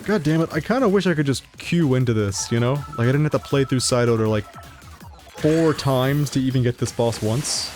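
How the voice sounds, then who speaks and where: A man's voice: medium pitch, fairly quick, darkish tone, soft background music. A man casually commenting on his gameplay during a live stream, rambling and chatty, laughing often and swearing casually.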